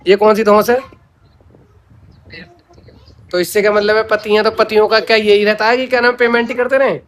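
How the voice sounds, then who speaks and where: A man's voice: high voice, flat delivery, brisk, a bit bright. A man vlogging in a casual, talkative way, stubbornly teasing his wife on a phone call as a prank. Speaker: vlogger, husband.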